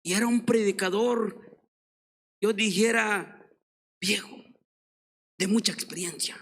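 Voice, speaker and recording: A man preaching an evangelistic sermon and telling a story. He swings from hushed murmurs to shouted exhortation and keeps addressing his congregation as brothers. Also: sits high, takes it slowly, a little hiss or hum. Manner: addresses congregation as "mis hermanos".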